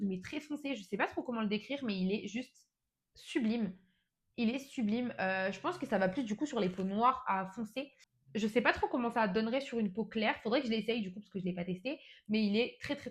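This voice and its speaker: A young woman with a French accent talks through an unboxing in a relaxed, chatty way. Her voice sits a little on the high side. She gushes over each product and fills her pauses with casual hesitations. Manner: enthusiastic, chatty, frequent fillers. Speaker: nail product vlogger.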